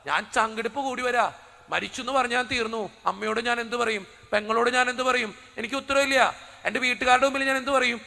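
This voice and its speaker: A priest preaching a sermon as a personal story, acting out the dialogue with drama. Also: male voice, extremely high pitch, brisk, vocal fry, sharp tone, big-room sound.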